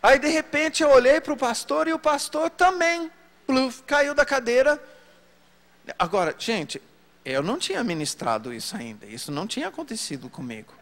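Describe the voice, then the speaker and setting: A man preacher telling a story from the pulpit in an animated sermon. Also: moderate pace. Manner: storytelling, animated pitch swings. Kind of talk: sermon testimony. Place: church hall. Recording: long hall reverb.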